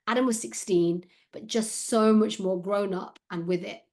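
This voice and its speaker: A woman author reading the first chapter of her children's novel, in an expressive, steady storytelling manner. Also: mid-range voice, moderate pace.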